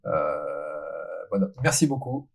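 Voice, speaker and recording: A man's voice: rumbling low, big pitch swings, takes it slowly, gravelly. A man hosting a casual live stream, chatting with a guest, reading out viewer questions and laughing often. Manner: laughs often, reads chat questions aloud. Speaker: host.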